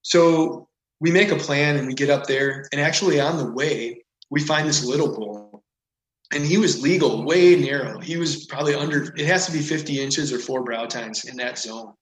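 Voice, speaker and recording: A man's voice: mid-range voice, moderate pace. A man as a podcast guest, telling a story casually and animatedly, with lots of "like" and "whatever.". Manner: animated, rambling with frequent "like" and "whatever". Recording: echoey room.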